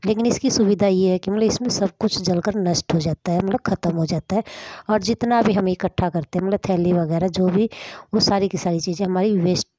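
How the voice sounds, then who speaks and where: A woman's voice: lowish voice, fairly quick, mellow, no echo, rough recording. A woman in her thirties narrating her daily housework in a casual, rambling way, filling her talk with constant fillers. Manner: chatty, says "matlab" constantly. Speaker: vlogger and housewife.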